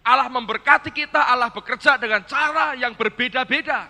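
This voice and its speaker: A male preacher with a high, piercing voice tells a story from the pulpit and turns often to address his listeners. His delivery jumps from quiet asides to loud exclamations. The sound carries the long reverb of a large hall. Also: fairly quick. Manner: storytelling with quoted dialogue, calls the audience "saudara"; swings between hushed low asides and loud high exclamations. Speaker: pastor. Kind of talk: sermon. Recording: echoey hall sermon recording.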